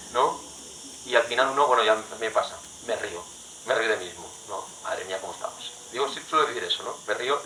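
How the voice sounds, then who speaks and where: A man, a parish priest from Spain, giving a conversational sermon full of rhetorical questions and soft, prayerful asides. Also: mid-range voice, distant mic. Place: church. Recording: echoey church room, faint noise.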